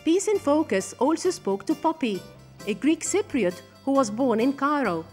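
Woman narrator, documentary script, steady formal read, higher voice, faint music under. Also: normal speed.

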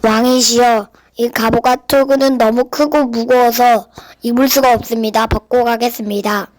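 A woman plays an obedient but brave shepherd boy in a children's Bible play. The voice is high and close, with an earnest, declaiming delivery. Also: fairly even intonation, moderate pace, no echo, natural voice, poor audio. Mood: earnest, respectful.

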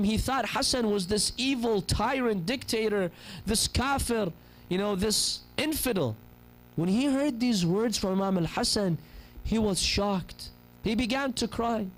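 A man's voice: sits high, rough recording. A man in his thirties preaching a sermon from a pulpit chair into a gooseneck mic, telling stories with passion and acting out the people in them. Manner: impassioned storytelling, voices the people in his stories. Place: mosque hall, seated on a pulpit chair. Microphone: gooseneck microphone on a stand.

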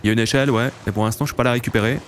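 A man's voice: mid-range voice, fairly even intonation, racing, slight background noise. Chatty man in his late twenties commenting on a game. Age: late 20s. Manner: chatty, talks to viewers while playing. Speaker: let's play host. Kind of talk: casual gameplay commentary.

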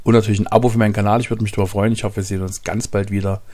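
A man's voice: on the low side, little pitch movement, racing, mellow, slight background noise. A middle-aged man hosting his own gaming channel, chatting casually at his desk and thinking aloud with lots of fillers. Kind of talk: casual game commentary. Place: home room at a desk.

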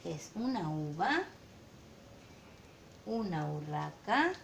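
A woman teaching an online lesson to small children, asking slow sing-song questions and stretching her vowels. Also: on the low side, big pitch swings, gravelly, roomy sound, a little hiss or hum. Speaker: preschool teacher.

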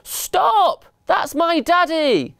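A man voicing a small, timid boy elephant with a high, plaintive childlike voice. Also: wildly swooping pitch, unhurried, dry recording, clean studio sound, exaggerated voice. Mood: pleading.

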